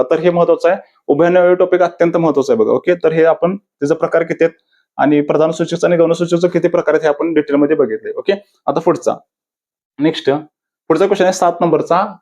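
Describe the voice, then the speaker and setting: A man with a slightly high-pitched voice leads a recorded exam-prep lesson. He poses each question aloud, answers it, then repeats the answer like a drill. Quoted verse lines come out slow and deliberate. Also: darkish tone, lo-fi sound. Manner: repetitive, quizzing himself with question-and-answer drills. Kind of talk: classroom-style video lecture.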